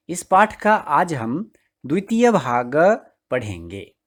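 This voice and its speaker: Slow, deliberate male Sanskrit teacher. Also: medium pitch. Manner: slow, deliberate reading, word by word for repetition. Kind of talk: classroom lesson with slow read-aloud.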